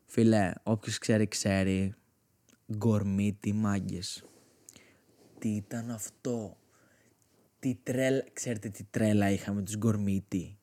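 A man in his twenties with a slangy, animated delivery who swears freely, doing a comic nostalgic monologue. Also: lowish voice. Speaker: comedian host.

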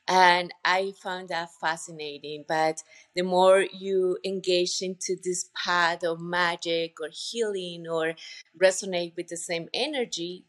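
A woman's voice: lowish voice, a bit bright. A woman from Colombia with a Colombian accent, speaking earnestly as a podcast guest, with many fillers. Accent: Colombian Spanish. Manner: earnest, heartfelt, with frequent fillers. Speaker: podcast guest, retreat center owner. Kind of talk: casual interview conversation.

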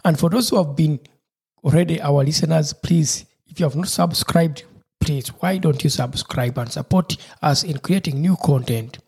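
A male podcast host from Uganda delivers an earnest episode introduction, with a husky edge to his somewhat raised voice. He keeps circling back to the same points in a promotional tone. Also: on the high side, moderate pace, darkish tone.

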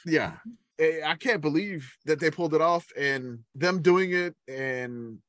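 A man's voice: fairly high pitch, a little slow, fairly bright tone, dry recording. A man co-hosting a casual sports podcast, enthusiastic and rambling, laughing often. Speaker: podcast co-host.

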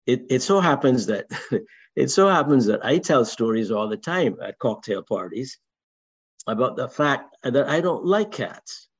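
A man's voice: medium pitch, big pitch swings, unhurried, husky. An older man with a Barbadian accent talks through his ideas in a casual discussion. He repeats his words often and builds long, wordy points. The recording is a little dull and lo-fi. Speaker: discussion participant. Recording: dull lo-fi sound.

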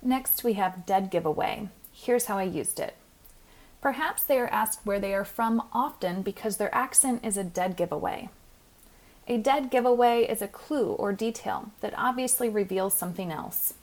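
A woman hosting a podcast lesson, speaking in a clear, measured teaching manner as a pronunciation coach. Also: mid-range voice, darkish tone. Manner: clear, measured teaching delivery, slows to spell out words.

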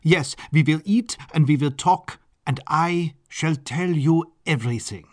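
A man's voice: fairly high pitch, a little slow, pitched above the performer's own voice, natural voice. A man voicing a flamboyant, eccentric male baron who talks in an effusive, squealing, theatrical way in a storybook reading. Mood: gushing.

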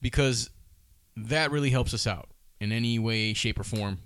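A man's voice: mid-range voice, normal speed, fairly bright tone, a little hiss or hum. A man hosting a podcast in a casual, chatty style. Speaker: podcast host. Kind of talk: casual chat.

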